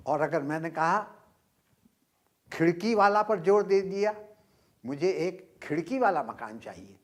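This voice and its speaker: An older male lecturer speaks very slowly and deliberately, in a somewhat raised pitch. He works through his points with drawn-out pauses. He stresses words to demonstrate his examples. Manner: slow and explanatory, with many drawn-out pauses. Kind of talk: recorded university lecture.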